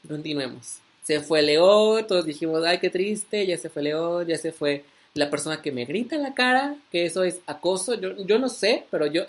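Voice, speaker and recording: A man's voice: sits high, a bit bright. A young man with a Mexican accent casually telling a story as a vlogger, rambling with many fillers and asides.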